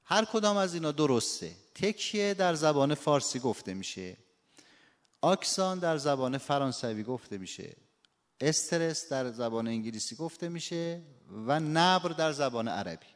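A man teaching a lesson, explaining word stress patiently and slowing down to demonstrate examples. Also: fairly high pitch, very animated. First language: Persian. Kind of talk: spoken lecture on phonetics. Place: lecture room or workshop. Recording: long hall reverb.

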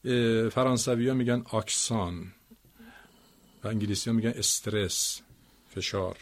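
A man teaching Quran recitation, explaining word stress with spoken examples in a slow, deliberate way. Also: lowish voice.

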